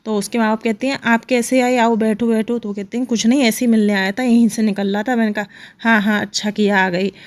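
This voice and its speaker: A woman's voice: on the high side, darkish tone. A woman narrating a devotional true story in an earnest manner, voicing the characters' lines within her telling. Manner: earnest, retelling with quoted dialogue.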